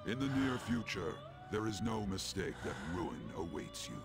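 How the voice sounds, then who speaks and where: An actor playing a sinister old master of a dream realm in a video game, with a possessed, demonic, gravelly voice and slow, formal, ominous speech. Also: male voice, fairly low pitch, wildly swooping pitch. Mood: grave warning. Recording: music under the voice.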